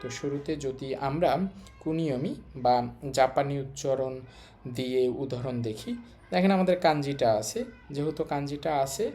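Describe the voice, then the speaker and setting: A teacher talks through a recorded lesson at an ordinary pitch. They break everything into small steps and go over each point more than once. Now and then they pose a question to the viewer and then answer it themselves. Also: normal speed, warm tone, faint music behind. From Bangladesh. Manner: explains step by step, repeats key points, asks and answers own questions. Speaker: language teacher.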